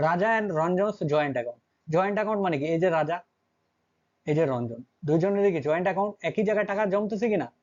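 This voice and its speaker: A man's voice: high voice, expressive, very fast, darkish tone, dull audio. A man teaching an English grammar lesson, constantly checking with his students through short questions.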